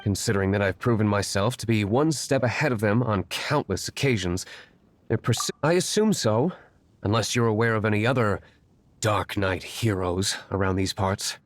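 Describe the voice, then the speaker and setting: In this game dialogue, a man with a lowish voice speaks at a normal speed, playing a brooding, aloof young nobleman vigilante. The acting is light, and his delivery is formal, curt and dryly serious.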